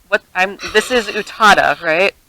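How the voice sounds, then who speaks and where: Casting: female player, earnest speech-giver, mid pitch, loud background noise. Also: moderate pace. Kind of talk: in-character tabletop play.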